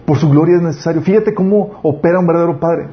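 A man's voice: fairly high pitch, fast talker. A man preaching a sermon, earnest and full of rhetorical questions. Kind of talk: sermon on parenting. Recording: slightly dull lo-fi recording with faint noise.

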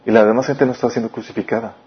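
A man preaching a sermon, often asking the listeners questions and swinging between raised and lowered delivery. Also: racing. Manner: questioning the listeners often, lively rises and drops. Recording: dull lo-fi recording.

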